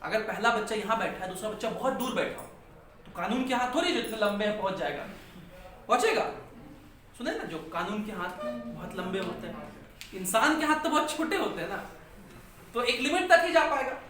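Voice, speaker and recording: A man's voice: sits high, lively intonation, a little fast, pauses often, bright, forceful tone. Man teaching physics in an echoey classroom. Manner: asks the class questions and repeats key terms. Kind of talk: classroom lecture. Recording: echoey classroom from far off, faint noise.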